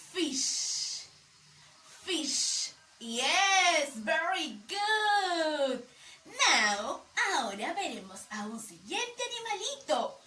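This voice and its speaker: A woman teaching young children in a bright, high voice that swoops all over as she stretches each word slowly. Her manner is a sing-song for little ones. She sounds far from the mic, with a roomy echo around her. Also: slight background noise. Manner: sing-song, exaggerated slow speech for small children. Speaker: preschool English teacher.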